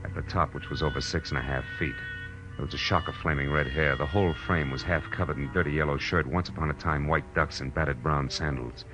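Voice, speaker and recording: In a muffled old radio broadcast with music, an actor plays a wisecracking, hard-boiled American private detective in 1940s radio style. His bass voice is brisk and wry as he delivers first-person narration and trades punchy lines.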